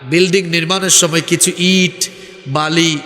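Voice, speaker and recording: A man's voice: a little high, flat delivery, a little slow. A male Islamic preacher from Sylhet, with a Sylheti Bengali accent, giving a rousing waz sermon and calling out questions to the crowd. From Sylhet, Bangladesh. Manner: rousing, calls out questions to the crowd, shouts at peaks. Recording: echoey hall with long reverb.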